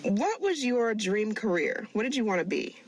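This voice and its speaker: A woman's voice: mid-range voice, big pitch swings, normal speed, poor audio. A woman hosting a podcast interview, upbeat and encouraging with her guest. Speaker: podcast host.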